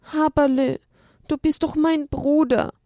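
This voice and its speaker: A woman's voice: high-pitched, fairly even intonation, takes it slowly, a little mellow, no room sound, studio quality, pitched above the performer's own voice. A woman voicing a small young animal in a children's story, pleading and tearful.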